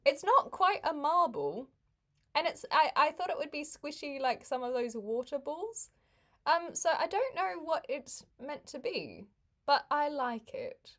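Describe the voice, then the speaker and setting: A woman's voice: sits high, expressive, unhurried, fairly bright tone. A woman, chatting casually with viewers on a livestream, laughing often and making wry asides. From New Zealand. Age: 20s.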